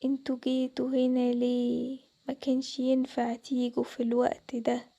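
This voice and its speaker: A woman voicing an unseen ghostly presence in a cartoon, speaking with a slow, drawn-out, menacing delivery and an Egyptian accent. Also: high-pitched, completely flat delivery, mellow, pitched below the performer's own voice. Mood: ominous. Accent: Egyptian Arabic.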